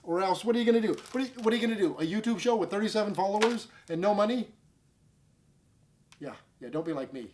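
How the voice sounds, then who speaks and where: A man's voice: high voice, lively intonation, fast, darkish tone, a little hiss or hum. A man hosting a casual comedy food review show, joking at his own expense and rambling with fillers. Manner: self-mocking, jokey, rambling with fillers. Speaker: host.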